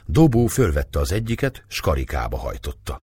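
A man reading a historical novel aloud in steady storytelling narration. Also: extremely low pitch, husky. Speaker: audiobook reader.

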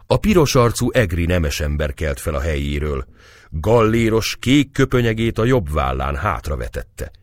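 Male audiobook narrator, deep and very expressive, dry close sound. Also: no echo. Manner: acts out the dialogue with raised voice. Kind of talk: audiobook narration of a historical novel.

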